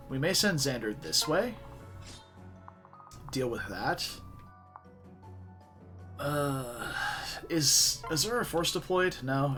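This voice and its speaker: A man's voice: mid-range voice, fairly bright tone. A man giving casual let's play commentary, thinking aloud about strategy and speaking to viewers. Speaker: gamer.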